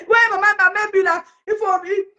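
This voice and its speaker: A woman with a very high voice rants casually about an online feud on a live stream. She talks fast in bursts, mocking and laughing loudly.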